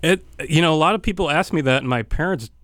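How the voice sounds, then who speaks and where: A man's voice: a little high, fast, fairly bright tone, no room sound. A man from Buffalo, New York with a Western New York accent, a guest chatting easygoingly about wine on a radio show in a studio, with many fillers. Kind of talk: casual radio chat.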